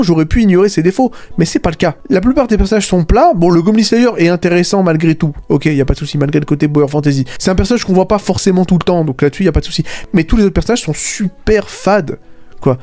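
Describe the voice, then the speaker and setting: A man's voice: high voice, darkish tone. A man giving a casual spoken video essay as an anime critic, sarcastic, often dropping "voilà" and "hein" between points. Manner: sarcastic, fillers like "voilà" and "hein", mocking asides.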